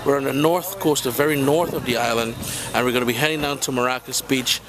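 A man's voice: mid-range voice, steady tone, fast, noisy background. A man in his forties with a Trinidadian accent, casually narrating a travel vlog outdoors as an upbeat, chatty host. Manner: upbeat, chatty tour-guide talk to viewers. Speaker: food vlogger host. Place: outdoors at a windy beach and lookout. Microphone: handheld camera mic. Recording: outdoor camera audio with loud music behind.

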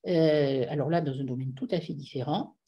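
A woman's voice: low-pitched, normal speed, slightly rough, muffled recording. A middle-aged woman giving an online lecture on song lyrics over a video call, digressive and full of hesitations. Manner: digressive, many hesitations and fillers.

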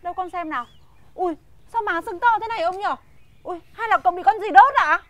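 A woman's voice: very high-pitched, brisk, bright, forceful tone, no echo. A woman playing a fussy village maid who answers politely and eagerly. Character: fawning young village maid, eager to please. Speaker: household maid. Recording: background music under dialogue.

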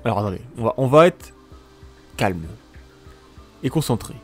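Playful male let's-player, talks to viewers, swings up and down in pitch, soft music under him. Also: lively intonation, moderate pace, breathy edge. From France. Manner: joking, exclaims at the action, talks to viewers. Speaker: let's play commentator. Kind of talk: casual gameplay commentary.

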